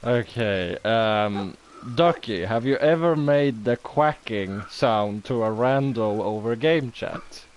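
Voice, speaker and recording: A man hosting a casual stream interview, hesitant and filling pauses with ums and okays. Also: mid-range voice, expressive. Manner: hesitant, many fillers, lots of okays. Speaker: host interviewing players.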